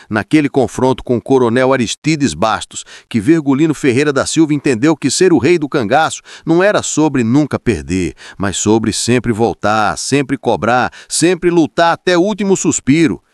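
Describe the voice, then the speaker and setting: A man's voice: mid-range voice, no room sound, studio quality. A man giving a dramatic scripted narration, solemn and rhythmic, building emphasis through repeated phrases. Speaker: storyteller.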